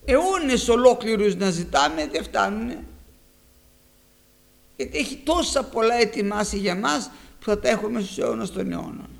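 Male preacher, high lively voice, sermon storytelling, rhetorical questions. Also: gravelly.

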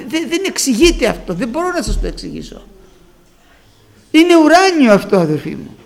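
Fervent older male preacher, gravelly voice. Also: very high-pitched. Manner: fervent, repeats phrases, often calls out to the congregation as brothers. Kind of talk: Pentecostal sermon with personal testimony.

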